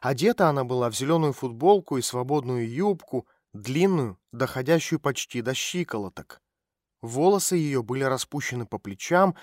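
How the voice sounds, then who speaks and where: A man narrating a detective novel in a steady, measured reading voice. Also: on the high side, dry recording, clean studio sound. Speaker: audiobook narrator. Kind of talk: scripted narration.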